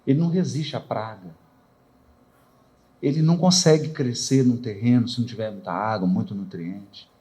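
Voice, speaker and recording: A man's voice: medium pitch, normal speed, dark tone. A man from Brazil, giving a spiritist lecture in a rhetorical way, asking questions and acting out quoted voices. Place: lecture hall of a spiritist center.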